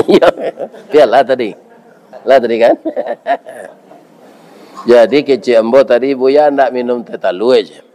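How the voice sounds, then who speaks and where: A middle-aged man preaching a sermon with a Minangkabau accent, lively and joking, who keeps asking his listeners for agreement. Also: mid-range voice, slow, long pauses, some chatter behind.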